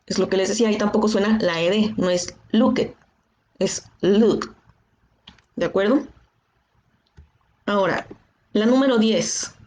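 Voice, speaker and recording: A woman's voice: mid-range voice, moderate pace, pauses often, a little mellow, echoey room. A woman with a Mexican Spanish accent, an English teacher patiently explaining grammar in an online class and often checking with "¿sí?". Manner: patient, checks understanding with frequent "¿sí?".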